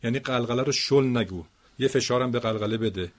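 A man with a mid-range voice teaches Quran recitation, slowly and deliberately explaining word stress through spoken examples.

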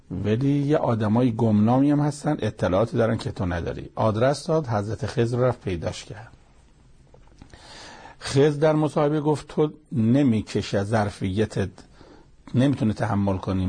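A man's voice: mid-range voice, warm tone, slightly rough. A man giving a Quran commentary talk, retelling the stories in a colloquial storytelling way, his voice rising at the outbursts. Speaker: Quran teacher.

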